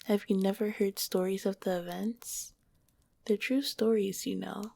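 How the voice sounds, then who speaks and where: A woman voices a gentle slime monster girl in an ASMR roleplay, whispering close to the ear in a breathy voice that catches in gravelly fry. Her mid-range, fairly even whisper is unhurried and teasing at first, then grows tender and comforting. The close-miked sound is dry and intimate, with no room sound.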